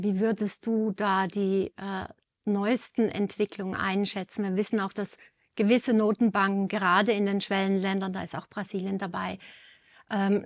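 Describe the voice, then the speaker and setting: A woman's voice: medium pitch, no echo. A woman in her fifties hosting a studio interview, asking composed questions with light fillers. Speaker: host, interviewer.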